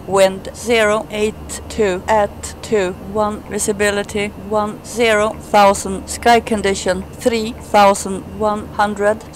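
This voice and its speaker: A synthetic woman's voice reading an automated airport weather broadcast in a flat, measured way. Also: medium pitch, slight background noise, rough recording. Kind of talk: recorded weather information loop.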